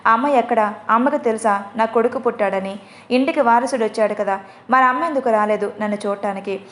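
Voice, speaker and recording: A woman's voice: fairly high pitch, brisk, a bit bright, close to an everyday voice. A woman voicing a young new mother who asks anxious questions, in a spoken storybook. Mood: anxious questioning. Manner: questioning, pleading.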